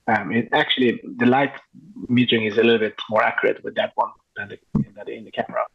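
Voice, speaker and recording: A man talks about his photography in a relaxed interview, eager and full of small restarts. His voice is gravelly and husky, and the recording sounds dull and lo-fi. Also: medium pitch. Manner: enthusiastic, halting with frequent restarts. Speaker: street photographer guest. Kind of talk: casual interview chat.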